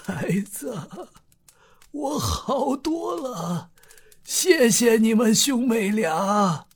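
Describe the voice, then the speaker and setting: A man's voice: sits high, expressive, voice pushed up, heavily acted. A man doing a frail, kindly old grandfather. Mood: choked up. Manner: slow, soft, drawn-out elderly speech. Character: weak, kindly old man, gentle elder. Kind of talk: audiobook character voice.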